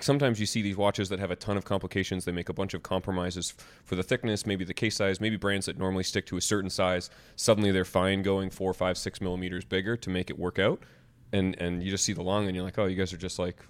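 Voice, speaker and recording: A man on a podcast panel thinks aloud, pausing often between phrases. His voice is deep and the recording is dry and close. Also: little pitch movement, no room sound.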